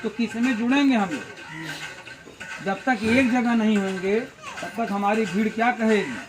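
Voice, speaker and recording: A man's voice: high voice, measured pace. A man giving an outdoor village meeting speech as a party organizer, full of rhetorical questions and folksy analogies.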